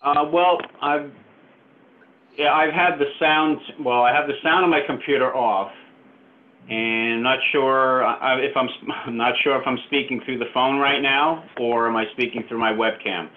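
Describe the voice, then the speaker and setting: A man's voice: medium pitch, steady tone, moderate pace, slight background noise. A man joining a virtual public meeting by phone, presenting his application hesitantly with many fillers and restarts. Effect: heard over a phone line. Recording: tinny phone line.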